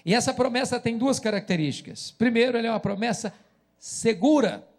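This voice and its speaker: A man with a Brazilian Portuguese accent preaching a sermon as pastor, dramatic and rising to loud chanted cries. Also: very high voice, brisk, vocal fry.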